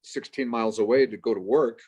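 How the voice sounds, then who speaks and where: A man in his fifties, from Chicago, speaks at an everyday middle pitch as an interview guest. He is a professor who tells stories briskly, dropping jokes and asides as he goes. The sound is a plain video-call recording. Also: slightly rough. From Chicago, United States. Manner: lively storyteller, quick asides and jokes.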